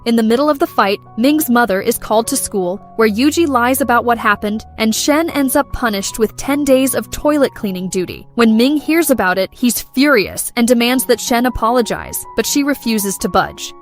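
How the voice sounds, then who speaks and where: A woman's voice: a little high, normal speed, hardly any pauses. Woman narrating a drama recap. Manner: steady storytelling delivery. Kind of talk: scripted narration. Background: faint background music.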